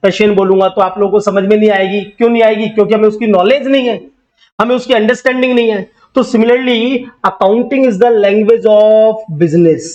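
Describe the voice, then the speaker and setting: Male teacher, high voice, teasing call-and-response classroom lecture, dull recording. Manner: drills students with repeated questions and call-and-response; teasing, scolding banter with the class. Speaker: accounting teacher.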